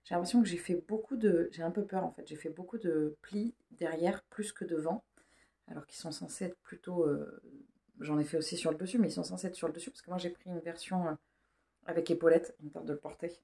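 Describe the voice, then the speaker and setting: A woman's voice: on the low side, fairly even intonation, a little fast, vocal fry, mellow. A woman chatting casually for a vlog, informal and hesitant as she thinks aloud. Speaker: vlogger. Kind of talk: casual rambling vlog chat.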